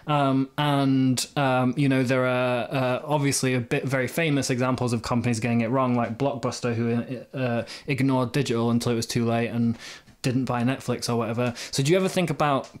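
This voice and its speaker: A man co-hosts a casual interview podcast with an ordinary mid-range voice. He is chatty and laughs easily. His questions run long and loose, full of ums and restarts. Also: mid-range voice. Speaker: podcast co-host.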